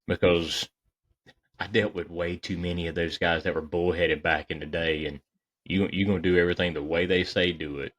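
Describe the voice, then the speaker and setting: A man speaks as a firefighter guest in a relaxed podcast chat. His voice is very low and deep. He talks earnestly, in the tone of a mentor. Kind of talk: casual podcast conversation.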